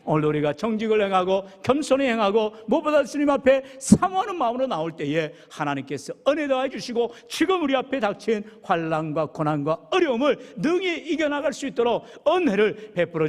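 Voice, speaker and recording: A man preaching a sermon as pastor, lively and playful, calling on members of the congregation. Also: high voice, fairly quick. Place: church sanctuary. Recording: long reverb of a church sanctuary.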